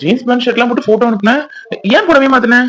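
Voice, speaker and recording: A man's voice: very high voice, very fast, a bit bright, a little hiss or hum, poor audio. A man voicing a teasing young husband in a cartoon, pleading and joking with his wife. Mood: jokey. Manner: pleading, jokey.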